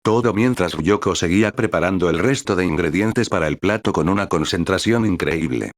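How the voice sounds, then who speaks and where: A man reading a fanfiction aloud in a steady, even narration. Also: deep voice, normal speed, no room sound. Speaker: fanfic reader.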